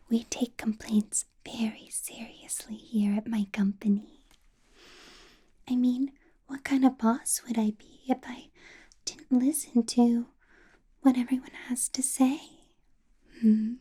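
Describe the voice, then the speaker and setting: A woman voices a doting, possessive vampire boss in a soft, breathy ASMR whisper that's intimate and coaxing, with quiet menace underneath. Her voice is a little high, and she performs a full character voice.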